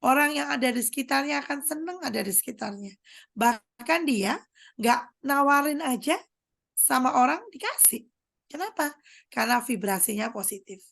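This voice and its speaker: Woman doctor, faith-based coaching talk, slightly high pitch with a gravelly edge, direct and explanatory. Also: animated, normal speed, a bit bright. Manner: explains with everyday analogies and acts out quotes; addresses the audience directly. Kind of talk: religious motivational talk.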